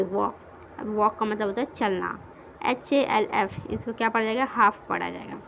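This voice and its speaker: A woman with a fairly high voice gives a grammar lesson. She spells out words letter by letter and answers her own questions as she goes. The recording sounds dull and lo-fi, with a faint hiss behind her. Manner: asks questions and answers them herself; mixes English words into Hindi. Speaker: English grammar teacher. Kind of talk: classroom lesson explaining words.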